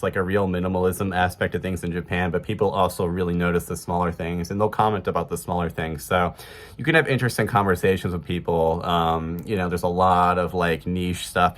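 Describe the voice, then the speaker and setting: A man's voice: sits low, a bit bright. A man in his thirties with a Chicago accent, talking casually to camera in a rambling way, full of fillers and restarts. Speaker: vlogger.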